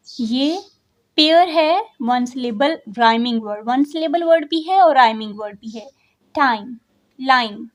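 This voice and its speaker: A woman teacher with a Pakistani accent, reading a textbook lesson line by line and explaining each part. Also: high-pitched. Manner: reads English lines slowly and deliberately, then explains quickly.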